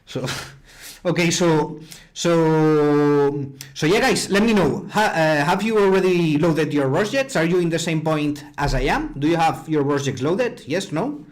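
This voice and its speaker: Spanish guy teaching a live coding class, chatty, slightly high voice, repeats himself a lot. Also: expressive, a little slow. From Spain. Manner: chatty, repeats words, reads chat comments aloud. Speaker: online robotics instructor.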